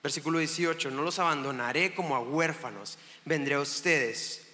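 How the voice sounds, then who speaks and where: A guest preacher from Chihuahua, Mexico, in his thirties, delivers an informal church sermon with a northern Mexican accent at normal speed. His voice is a little high with a sharp tone, and his manner is chatty and self-mocking, full of restarted sentences. The church hall is echoey, giving the audio a long reverb.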